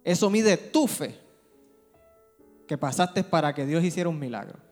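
A man's voice: a little high, lively intonation, normal speed, a little mellow. A male pastor preaching a sermon with emphatic rhetorical questions, recorded in a church. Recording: church hall reverb with music.

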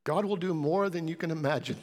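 A man's voice: a little high, fairly quick. A man preaching a sermon as pastor to his congregation, earnest, with pleading questions. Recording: reverberant hall.

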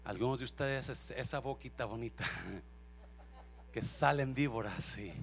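Pastor preaching, gravelly voice, goes from yelling to soft, mixes english in. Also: male voice, medium pitch, measured pace, slight background noise. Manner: impassioned, swings from shouting to soft talk, repeats phrases. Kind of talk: sermon.

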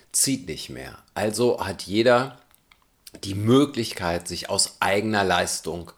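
A man giving a reflective spoken essay in a thoughtful, questioning, argumentative way. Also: low-pitched.

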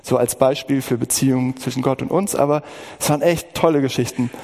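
A man's voice: medium pitch, fairly even intonation, fast talker, darkish tone, long reverb tail. A middle-aged man preaching a sermon as pastor, talking earnestly and personally, with emotional outbursts.

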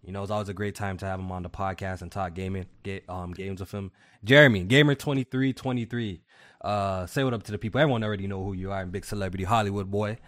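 A man's voice: low-pitched, fairly even intonation, fast talker, a bit bright. A man hosting a gaming podcast, congested from a cold, chatting loosely and repeating himself as he jokes around. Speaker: podcast host. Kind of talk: casual gaming podcast chat.

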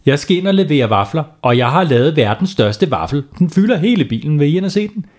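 A man's voice: a little high, sing-song, darkish tone, voice pushed up. A man voicing a friendly, chatty talking waffle truck in a children's story.

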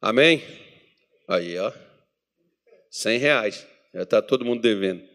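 A Brazilian man preaching a sermon to his congregation, joking with them between Bible readings and swinging from loud readings to low murmurs. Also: lively intonation, slow pace. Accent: Brazilian Portuguese. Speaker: pastor. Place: church meeting hall.

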